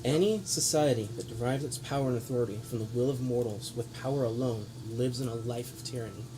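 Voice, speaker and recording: A man's voice: medium pitch, fast talker, close to an everyday voice. A man playing a righteous, stern adventurer delivering a solemn, grandiose monologue in a tabletop role-play. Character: righteous noble-minded adventurer lecturing sternly. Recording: clear background noise.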